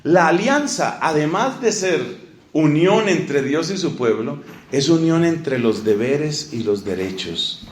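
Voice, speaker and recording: A man preaching a sermon, animated, swinging between loud emphatic lines and low asides, acting out little dialogues. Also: takes it slowly. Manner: acts out little dialogues in different voices. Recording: echoey room with faint ambient noise.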